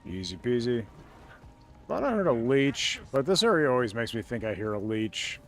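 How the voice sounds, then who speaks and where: A man's voice: mid-range voice, big pitch swings, moderate pace, fairly bright tone. A man giving casual, playful gameplay commentary in an easygoing way. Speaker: gamer, streamer. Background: faint game music.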